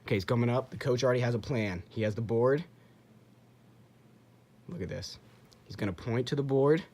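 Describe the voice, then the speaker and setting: A young man casually commenting over game footage as a channel host, excitable, repeating himself and acting out what the people on screen might be saying. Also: mid-range voice, a little fast. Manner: excitable, repeats himself, acts out quoted dialogue.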